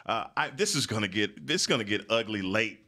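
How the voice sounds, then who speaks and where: A man analyzing high school football in a studio, making confident, blunt predictions. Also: animated, a little fast, pushed and bright. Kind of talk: sports analysis.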